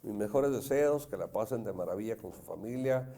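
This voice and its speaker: Gravelly Mexican man hosting a talk show. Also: lowish voice, expressive, a little fast, dark tone. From Jalisco, Mexico. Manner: anecdotal, earnest, addresses audience. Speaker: host. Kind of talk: casual talk show chat.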